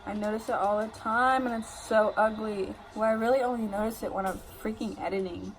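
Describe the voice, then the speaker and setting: A woman's voice: mid-range voice, steady tone, fairly quick. A young woman giving a casual makeup tutorial, rambling in a loose, slangy, drunk way. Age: young adult. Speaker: makeup vlogger. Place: living room at home, indoors. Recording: noisy home room recording.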